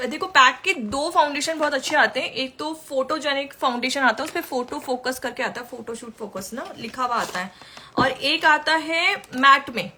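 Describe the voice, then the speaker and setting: A woman's voice: high voice, normal speed, bright, forceful tone, slight background noise. A woman makeup artist teaching makeup in a chatty way during a live-stream tutorial, answering viewer questions as she works.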